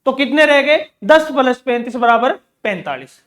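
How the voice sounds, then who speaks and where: A man's voice: extremely high pitch, animated, normal speed, a bit bright. A man teaching an exam-prep grammar lesson, asking questions and answering them himself, repeating key words. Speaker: Hindi teacher.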